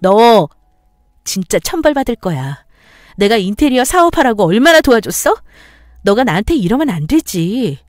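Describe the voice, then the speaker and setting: A woman acting out a betrayed wife who shouts back with cutting retorts, in a story-radio reading. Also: medium pitch, big pitch swings, normal speed, dry recording, clean studio sound, close to an everyday voice. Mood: furious. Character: betrayed furious young wife, sharp-tongued.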